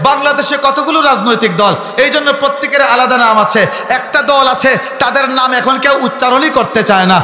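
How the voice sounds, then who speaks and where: Male preacher from Habiganj, high and sharp, fiery sermon with shouted questions, echoey hall. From Habiganj, Bangladesh. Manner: rhetorical, quizzing the crowd, bursts into shouting. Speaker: Islamic preacher. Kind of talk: fiery sermon at a religious gathering. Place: large religious gathering over a loudspeaker. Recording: echoey hall with long reverb.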